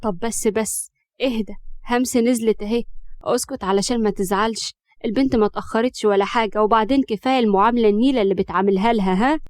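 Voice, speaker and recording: A woman with an Egyptian accent voicing a kind, teasing middle-aged mother who calms her son. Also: a little high, fast, dry recording, clean studio sound, close to an everyday voice. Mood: soothing. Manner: soothing, teasing.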